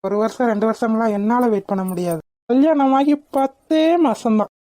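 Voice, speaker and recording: A woman's voice: a little high, moderate pace, warm tone, dry recording, lightly acted. A woman voicing a newly married young husband in a cartoon, teasing and stubborn.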